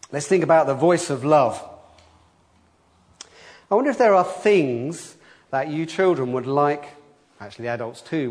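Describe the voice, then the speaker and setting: A man leading a gentle children's talk in a church service, reading scripture and asking the children questions. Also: mid-range voice, long reverb tail. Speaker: preacher.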